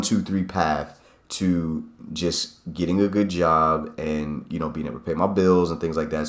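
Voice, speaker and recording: A man in his late twenties with a very low voice, chatting casually to camera. He rambles and corrects himself as he reflects out loud, in a room with a noticeable echo. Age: 20s. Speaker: vlogger. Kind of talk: casual talking-head vlog. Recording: echoey room.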